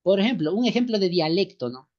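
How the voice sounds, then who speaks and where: A man from the highlands, teaching a seminary class online in a slow, repetitive way, often tagging a rhetorical question onto what he says. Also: very animated, darkish tone. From Ecuadorian highlands. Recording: dull lo-fi sound.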